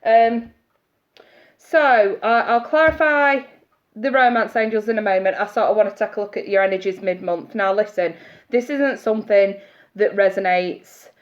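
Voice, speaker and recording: At normal speed and medium pitch, a woman gives a chatty tarot reading on a live stream, greeting viewers by name. She's congested with hay fever, heard through muffled audio and steady hiss.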